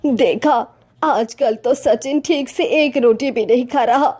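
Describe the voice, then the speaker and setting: Woman doing bossy mother-in-law, nagging and scolding, high voice, cartoon story. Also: slow pace, warm tone.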